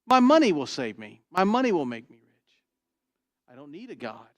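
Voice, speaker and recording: In a church sanctuary, a pastor with a big, trained voice delivers an expository sermon, moving between loud emphasis and quiet asides and posing "Why?" before answering it. His delivery is sing-song at a moderate pace, with no echo.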